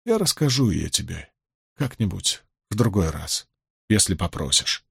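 A man doing a soft low-voiced older gleeman. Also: animated, moderate pace, husky, no room sound, studio quality. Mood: tender. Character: gruff older male gleeman, gentle and rueful.

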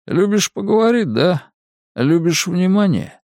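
A man voicing a calm, menacing masked torturer who taunts his captive in a slow, drawn-out way, in an audiobook. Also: high voice, no room sound, studio quality, voice pushed up. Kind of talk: audiobook character reading.

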